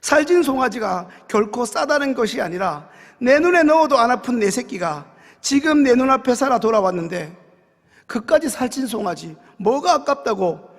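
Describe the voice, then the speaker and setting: A man's voice: very high-pitched, animated, moderate pace. A male pastor preaching a sermon in a church, earnestly questioning his congregation. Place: church sanctuary. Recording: reverberant church sanctuary.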